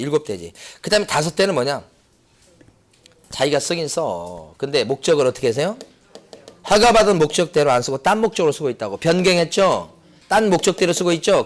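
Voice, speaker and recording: A middle-aged man lecturing for an exam prep class, his voice set fairly high and swinging widely in pitch. He keeps asking rhetorical questions and repeats key points for emphasis. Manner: lively, rhetorical questions and repetition.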